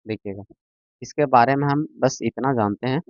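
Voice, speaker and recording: A man's voice: medium pitch, normal speed, no room sound. Patient male maths teacher, lo-fi. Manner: patient, repetitive, keeps checking students understand. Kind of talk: classroom lecture. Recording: dull lo-fi sound, dry.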